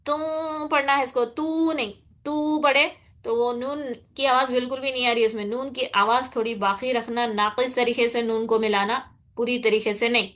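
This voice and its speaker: A woman teaching Quran recitation rules, patiently explaining and checking in with her students, then demonstrating with slow, drawn-out nasal recitation. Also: fairly high pitch, fairly even intonation, fairly bright tone. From India. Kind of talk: tajweed lesson.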